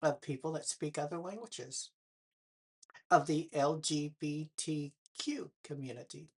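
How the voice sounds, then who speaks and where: An older woman with a husky, slightly breathy voice talks to camera in an unhurried way. She keeps throwing pointed questions at her audience, with a dry sarcastic bite. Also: deep voice, a little mellow. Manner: pointed rhetorical questions addressed to the viewer. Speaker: political vlogger. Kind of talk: direct-to-camera commentary.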